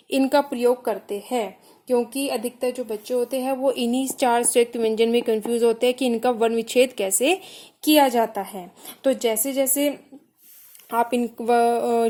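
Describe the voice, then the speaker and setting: A woman with a high voice teaches children a grammar lesson at an unhurried pace. She breaks each word down syllable by syllable with patience. She poses questions and then answers them herself. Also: darkish tone. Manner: patient, slow, spelling out syllables one by one.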